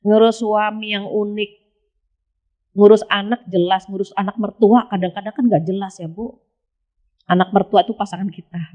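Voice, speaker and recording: A woman's voice: medium pitch, fairly even intonation, moderate pace, muffled recording. A woman preacher giving a casual sermon to women, chatty and often addressing her listeners directly. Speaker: Islamic preacher.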